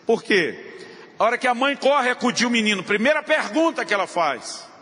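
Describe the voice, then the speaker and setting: A man preaching to a church congregation, telling a humorous family story in an animated way. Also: very high voice, normal speed, breathy edge. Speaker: pastor. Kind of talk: storytelling sermon. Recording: reverberant church hall, faint noise.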